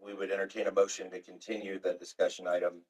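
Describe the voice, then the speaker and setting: A man on town staff explaining meeting procedure in a casual, halting way. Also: deep voice, completely flat delivery, darkish tone. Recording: roomy hall, mic far off.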